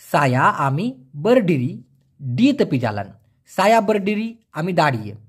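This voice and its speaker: Lively-pitched man teaching phrases. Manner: repeats each phrase slowly and translates it, with a lively rise and fall. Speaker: Malay language teacher. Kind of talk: casual explanatory language lesson.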